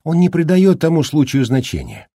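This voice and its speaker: Man reading calm male doctor, audiobook, husky, dry close sound. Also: fairly high pitch, moderate pace, no room sound, pitched above the performer's own voice, exaggerated voice. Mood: calm explaining. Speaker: doctor in the story.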